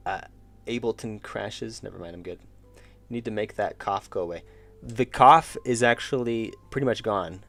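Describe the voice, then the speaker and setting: With soft background music, a man speaks at normal speed in a lowish, fairly bright voice with vocal fry. A streamer and indie game developer, he draws on a live stream, thinking aloud with chuckles and restarts as his voice wears out and he loses it.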